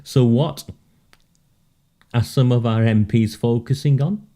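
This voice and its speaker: A political commentary host delivers a live-streamed monologue in a warm, medium-pitched voice at a slow pace. He's sardonic and emphatic, often laughing at his own points and repeating words for emphasis.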